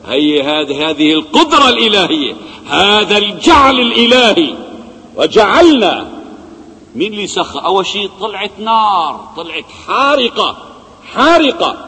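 A man giving a religious lesson, asking rhetorical questions and swinging between loud emphasis and quiet low asides. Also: very animated, normal speed. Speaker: preacher. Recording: long hall reverb.

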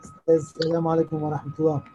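A man's voice: on the high side, monotone, very fast, mellow. A man calls in with a question and repeats his point patiently. His voice comes through faint and unclear, as if the phone is held away from him. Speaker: caller. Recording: muffled phone line with faint background noise.

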